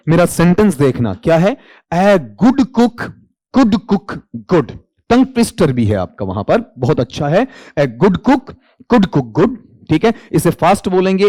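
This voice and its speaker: A man's voice: on the high side, warm tone, dry recording. Male exam-prep tutor, Hindi accent, dry close sound, call-and-answer lecturing. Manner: quizzing students and answering himself; calls students 'beta'. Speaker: English teacher.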